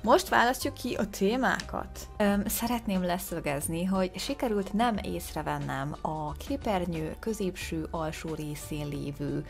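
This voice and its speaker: A woman hosts a game video in a lowish, creaky voice, talking with few pauses while soft music plays. Casual and excitable, she gasps and exclaims during her guesses and sounds out English words tentatively.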